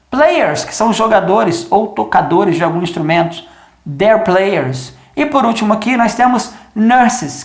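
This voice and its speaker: Patient male teacher in an echoey room. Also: high-pitched. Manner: patient, repeats examples slowly, checks in with "tá bom?". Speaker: English teacher. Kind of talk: classroom grammar lesson. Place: room with a whiteboard.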